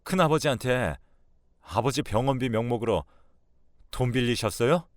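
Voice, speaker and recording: A man's voice: mid-range voice, animated, normal speed, no room sound, clean studio sound, voice pushed up, close to an everyday voice. A man voicing a grown son who urgently presses his mother with a raised voice in a radio drama.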